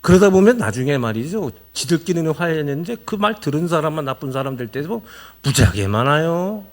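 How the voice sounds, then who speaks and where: A man's voice: fairly high pitch, brisk. A man preaching a sermon as pastor, earnest and urging, often acting out the voices of church members. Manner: animated, acts out quoted voices of church members; earnest, explaining and urging the congregation.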